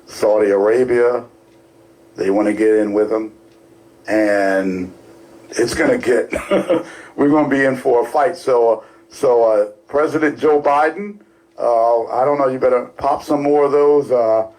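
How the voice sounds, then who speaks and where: A man's voice: mid-range voice, darkish tone, rough recording. Radio co-host, man, Baltimore accent, rambling and filler-heavy, casual studio talk. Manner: rambling, lots of fillers and restarts.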